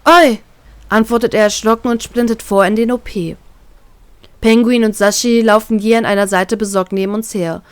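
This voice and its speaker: A woman's voice: mid-range voice, steady tone, fairly quick, smooth, no echo. Woman reading fan fiction, dry sound. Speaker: reader, narrator.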